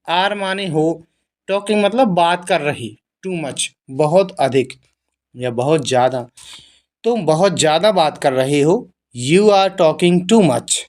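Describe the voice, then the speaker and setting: Male English tutor, fairly high voice, unhurried, word-by-word lesson delivery. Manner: reads English sentences very slowly, explains word by word. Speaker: English teacher. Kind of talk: spoken English lesson, explaining in Hindi.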